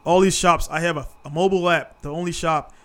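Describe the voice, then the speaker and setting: A man's voice: fairly high pitch, fairly even intonation, fast, fairly bright tone. Laid-back man hosting a podcast. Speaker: podcast host. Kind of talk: casual chat.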